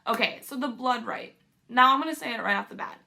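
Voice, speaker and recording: A young woman reviewing books in a casual vlog. Her voice sits a little high and carries noticeable vocal fry. She gushes emotionally and fills her talk with "like" and "literally". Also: fast talker, bright, forceful tone. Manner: gushing, emotional, lots of "like" and "literally". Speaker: book reviewer.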